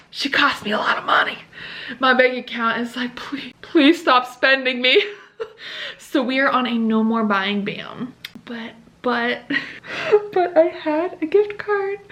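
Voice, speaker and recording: A young woman chatting casually to her camera as a book vlogger, giggly and animated as she tells stories. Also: fairly high pitch.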